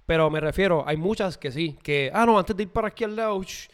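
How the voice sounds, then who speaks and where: Smooth-voiced Puerto Rican man chatting. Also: high voice, brisk. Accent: Puerto Rican Spanish. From Puerto Rico. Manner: chatty, mixes English words into his speech. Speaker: podcast co-host. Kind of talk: casual chat.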